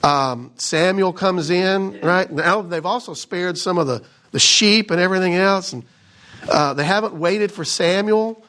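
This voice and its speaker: A man's voice: high-pitched, a little slow, pushed and bright. A middle-aged man teaching a casual Bible study, reading passages aloud and explaining them conversationally, often checking in with "right?". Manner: conversational, reads scripture then explains with frequent "right?".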